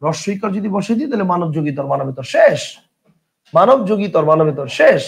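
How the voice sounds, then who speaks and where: High, gravelly tutor. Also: male voice, sing-song. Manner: explains step by step with rhetorical questions; drawls example words slowly, mixes in English words. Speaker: teacher. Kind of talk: Bengali grammar lesson.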